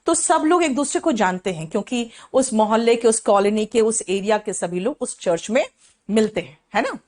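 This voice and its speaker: Chatty Indian teacher woman, slightly high voice. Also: animated, darkish tone. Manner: explains in chatty Hindi, mixing in English phrases, with frequent "है ना?" check-ins; reads English definitions slowly and deliberately. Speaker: English teacher. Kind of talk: classroom vocabulary lesson.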